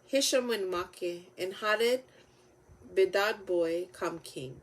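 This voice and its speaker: A woman reads aloud in Hawaiian Pidgin, as if at story time. Her pitch sits in the middle range for a woman and her pace is slow. She is halting over names and sometimes corrects herself. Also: low-quality recording. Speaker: reader of Bible stories.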